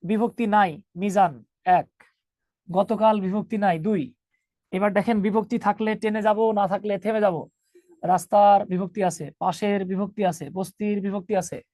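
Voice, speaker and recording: A man's voice: sits high, steady tone, normal speed, mellow, no room sound. A man teaching an online English grammar class, joking with students and calling them 'baba'.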